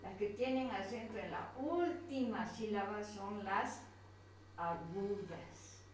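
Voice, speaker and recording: A Colombian-accented woman teacher with a mid-range voice patiently guides a pupil through a grammar worksheet, going slowly, repeating herself and pointing at each item. She sounds far from the mic in a very echoey room with faint noise.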